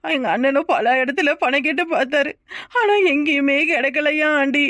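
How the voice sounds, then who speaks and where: A woman's voice: high-pitched, moderate pace, a bit bright, no room sound, clean studio sound. A woman voicing a young cartoon daughter-in-law who pleads tearfully and slyly for money. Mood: pleading. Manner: tearful pleading, repeats "aunty". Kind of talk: cartoon voice acting.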